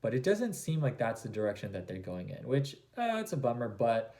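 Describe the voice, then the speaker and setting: A man's voice: mid-range voice, very animated, brisk, warm tone. A man giving casual, gushing fan commentary as a video host, rambling along with plenty of fillers. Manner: enthusiastic, gushing.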